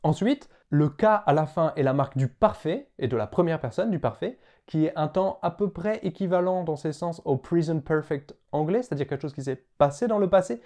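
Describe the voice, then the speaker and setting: A man, hosting a playful language lesson. His pitch swings widely as he sounds out example words, and his tone is dark and mellow. He sits a little higher than most men. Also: lively intonation, brisk, hardly any pauses. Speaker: educational video host. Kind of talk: explaining language history to camera.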